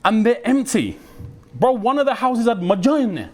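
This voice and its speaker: A British man from the United Kingdom gives a religious talk as a preacher, in a lively, slangy way, acting out the voices he quotes. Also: very high voice, moderate pace. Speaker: Islamic preacher.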